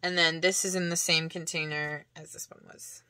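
A woman chatting casually to camera as she shows off a shopping haul, rambling with many fillers and laughs and now and then dropping into soft, breathy asides. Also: low-pitched, little pitch movement, normal speed, noisy background. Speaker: vlogger showing a shopping haul.

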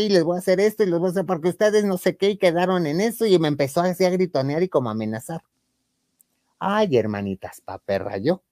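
A man with a Mexican accent telling a comic anecdote in a campy, theatrical way, acting out the women he quotes in a higher voice and laughing often. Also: a little mellow, no room sound, clean studio sound. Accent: Mexican Spanish. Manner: laughs often mid-story. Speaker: storyteller on a chat show.

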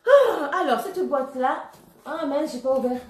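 A woman vlogger chatting casually and excitably while unboxing skincare products, laughing often and using many fillers. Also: high voice, moderate pace. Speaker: beauty vlogger. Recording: echoey room.

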